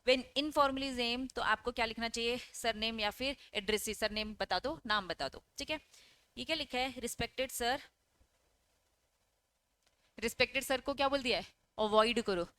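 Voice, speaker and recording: A woman's voice: fairly high pitch, moderate pace, pushed and bright, no echo. A woman teaching an exam-prep lecture. She reads English lines from the text, explains them, and keeps asking her students questions and answering them herself. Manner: checks in often with "okay?". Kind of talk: online lecture.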